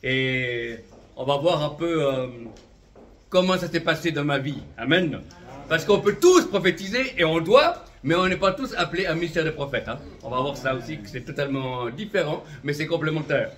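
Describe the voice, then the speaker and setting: A Vietnamese-born man in his fifties, an itinerant prophetic minister, gives a fervent religious testimony, often adding "amen" and "voilà" and chuckling lightly. His voice is fairly high and a bit bright, at a normal speed.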